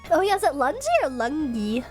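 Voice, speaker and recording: A woman's voice: sits high, animated, a little fast, soft background music. A young woman streamer with a stuffed-up nose, chatting and giggling as she reads fan messages. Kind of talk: casual live-stream chat.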